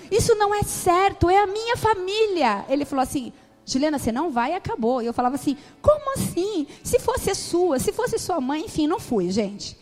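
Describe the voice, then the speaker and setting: A woman's voice: fairly high pitch, in a large hall. A young adult Brazilian woman pastor preaching a sermon in church, telling stories animatedly and acting out family arguments. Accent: Brazilian Portuguese. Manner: animated storytelling, acts out family dialogue. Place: church hall.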